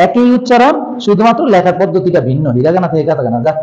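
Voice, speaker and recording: A man teaching a class, explaining stroke order step by step and slowly repeating syllables aloud. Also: sits high, sing-song, darkish tone. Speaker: language teacher. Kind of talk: classroom lesson on writing. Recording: dull lo-fi sound.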